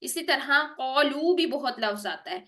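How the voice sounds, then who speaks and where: A woman teaches an online Quran recitation lesson in a bright, clear, slightly high voice that is expressive. Patient throughout, she keeps checking on her students, repeating "theek hai," and stretches out the sounds she models slowly.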